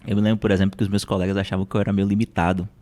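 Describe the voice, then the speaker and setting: A deep, slightly mellow voice belongs to a Brazilian man who talks very fast in a level tone. As a podcast guest, he explains things conversationally to motivate, leaning on rhetorical questions and emphatic repetition.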